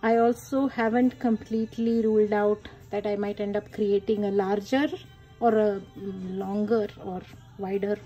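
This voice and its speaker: A woman's voice: medium pitch, dark tone, husky, rough recording. A woman talking casually through a card-making tutorial, chatty and enthusiastic, thinking aloud with many fillers. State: hiccuping. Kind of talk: casual craft tutorial talk.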